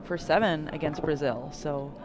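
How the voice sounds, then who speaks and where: A woman's voice: low voice, normal speed. Brief: woman color commentator, hint of Canadian accent, easygoing and talkative, heavy noise behind her. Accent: slight Canadian. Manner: chatty, explains shots with frequent ums. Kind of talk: live sports commentary. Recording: loud background noise at the venue.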